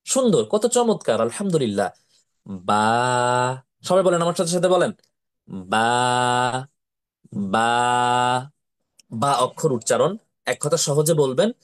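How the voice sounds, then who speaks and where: A man teaching how to read the Quran, slowly repeating syllables and asking his pupils to say them with him. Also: mid-range voice. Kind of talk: slow drilling lesson with repetition.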